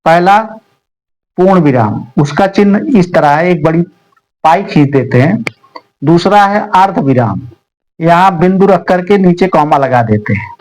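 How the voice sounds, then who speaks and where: An Indian man teaching a grammar lesson to students, explaining slowly and deliberately with many pauses. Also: high voice, lively intonation, poor audio.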